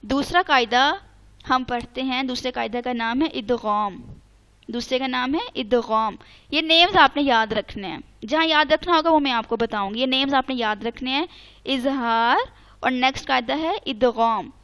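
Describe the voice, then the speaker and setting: High, clear-voiced woman teaching recitation. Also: fairly bright tone. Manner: patient, explains step by step and spells out letters slowly; mixes English words into Urdu. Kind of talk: online tajweed lesson.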